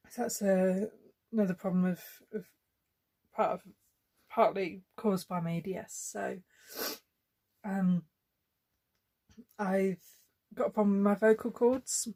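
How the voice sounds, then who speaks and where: A woman's voice: mid-range voice, darkish tone. Rambling, chatty woman stitching on camera. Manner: rambling, chatty, full of fillers and restarts. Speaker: cross-stitch vlogger. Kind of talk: casual chat while stitching.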